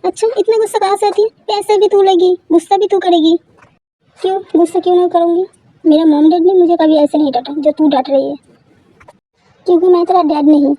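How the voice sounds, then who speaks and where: A woman's voice: very high-pitched, dark tone, low-quality recording. A woman reading a fan-made love story aloud and voicing every character's bickering dialogue herself.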